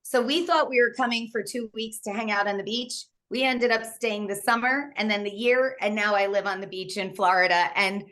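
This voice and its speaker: A woman's voice: mid-range voice, fairly even intonation, moderate pace, few pauses, a bit bright. Guest, woman, 40s: candid, laugh-prone storyteller, casual interview over a video call. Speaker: author and coach guest.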